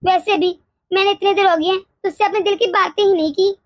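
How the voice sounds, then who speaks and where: A woman voicing a harsh, scolding older mother-in-law in an animated story, nagging and sharp-tongued. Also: very high voice, brisk, no echo. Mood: doting.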